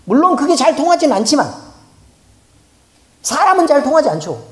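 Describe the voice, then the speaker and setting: Woman pastor, conversational sermon, expressive rising and falling pitch, prods the congregation with rhetorical questions. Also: moderate pace. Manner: colloquial, keeps asking the congregation rhetorical questions. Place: church.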